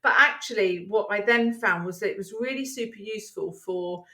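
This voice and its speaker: A woman guest on a podcast, talking through her work in an animated, chatty way and laughing easily. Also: medium pitch, normal speed. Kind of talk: conversational interview. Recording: roomy echo.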